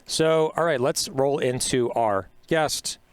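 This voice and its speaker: A podcast host in a studio interview, this man speaks at a medium pitch, slowly and smoothly, with no room sound. He's chatty and upbeat, and his talk is full of fillers like "uh."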